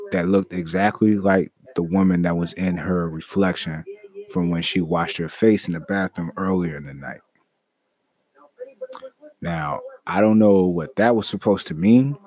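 A man with a very low voice tells a creepy story off the cuff, circling back on himself with lots of fillers and half-started sentences. The sound is dry and close, with no room around it. He talks like a host chatting to his listeners. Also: a little mellow, no echo. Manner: rambling, filler-heavy, frequent restarts. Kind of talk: casual spoken storytelling.

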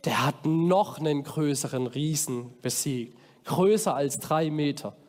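A man preaching a lively children's sermon at a camp, energetically calling out to his young audience from a stage. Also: a little high, a little slow. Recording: long hall reverb.

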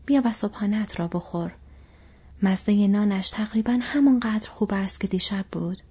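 A woman voicing a cheerful, curious young male hobbit with a lively, prying manner, on a dull lo-fi recording. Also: medium pitch, slightly rough.

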